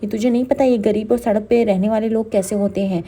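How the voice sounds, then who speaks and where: A woman retelling a serial who voices a proud, loud, scolding middle-aged matriarch at a quick, dark-toned pace. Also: mid-range voice, steady tone, lightly acted.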